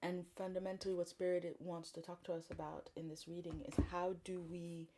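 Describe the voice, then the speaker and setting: A woman from Congo leads a spiritual tarot card reading, her voice sitting a little low. She speaks gently and thoughtfully, pausing often and filling gaps with soft ums as she turns over each card. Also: flat delivery, noisy background. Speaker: tarot reader.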